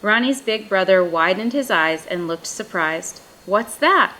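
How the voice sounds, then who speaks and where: A woman narrating a children's picture book in an expressive storytelling style. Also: on the low side, measured pace. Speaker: storybook reader.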